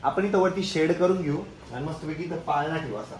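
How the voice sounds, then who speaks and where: A man's voice: fairly high pitch, a little mellow, roomy sound, poor audio. A man, joking around and lecturing his younger brother in a home vlog. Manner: fast, joking, bossy big-brother tone. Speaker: vlogger. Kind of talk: casual family vlog chat.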